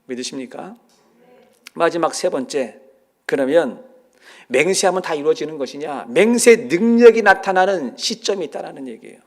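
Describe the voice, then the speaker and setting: Male pastor, sermon, high voice, animated storytelling, rhetorical questions. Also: moderate pace.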